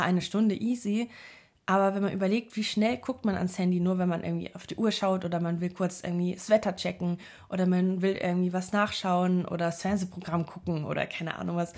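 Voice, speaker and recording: A woman's voice: medium pitch, a little mellow. A young woman speaking to her viewers in a casual, reflective monologue, giving earnest self-help advice with lots of fillers and restarts.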